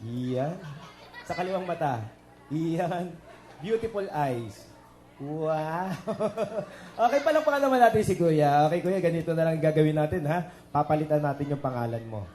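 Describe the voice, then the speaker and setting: High-voiced joking party magician man. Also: lively intonation, normal speed, darkish tone. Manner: joking, teasing, coaxes kids and guests. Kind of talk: lively party hosting with crowd banter. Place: indoor party venue with PA speakers. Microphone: handheld microphone through PA. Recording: echoey PA sound with party music. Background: party music.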